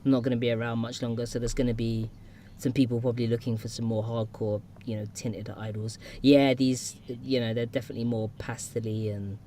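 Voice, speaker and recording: A man's voice: mid-range voice, flat delivery, a little fast, hardly any pauses, mellow, slight background noise. A man co-hosting a music podcast, chatting casually with lots of fillers and restarts. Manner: rambling, filler-heavy, enthusiastic. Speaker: podcast co-host. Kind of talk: casual chat about music videos.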